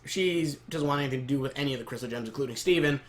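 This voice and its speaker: A man casually reviewing a cartoon episode to camera in a rambling, excitable way. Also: medium pitch, racing. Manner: rambling, excitable recap with frequent laughs.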